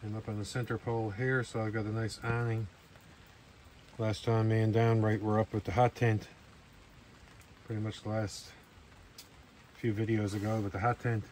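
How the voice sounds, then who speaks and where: A man's voice: fairly low pitch, little pitch movement, normal speed, long pauses, a little mellow, low-quality recording. A man rambling casually to camera as he narrates a camping vlog outdoors. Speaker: camping vlogger. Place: outdoors at a rainy campsite. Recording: faint outdoor ambient noise.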